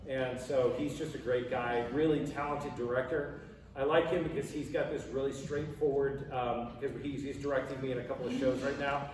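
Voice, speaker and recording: At a convention Q&A in a big, echoing hall packed with an audience, a middle-aged American voice actor from Colorado answers casually and with emphasis. He has a mid-range, darkish voice with little pitch movement, speaking at a moderate pace. The distant mic captures a very noisy, reverberant room.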